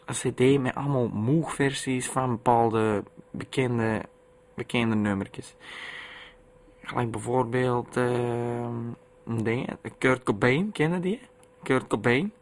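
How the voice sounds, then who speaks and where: A man with a Flemish accent hosting a radio show, rambling and repeating himself in gruff dialect. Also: mid-range voice, slow. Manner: repetitive, tacks "hè" onto lines, gruff dialect. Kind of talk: rambling comic radio monologue.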